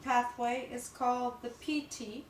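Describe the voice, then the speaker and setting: A woman giving a classroom lecture, explaining step by step with many fillers and pauses. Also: a little high, fairly even intonation, roomy sound, slight background noise, rough recording.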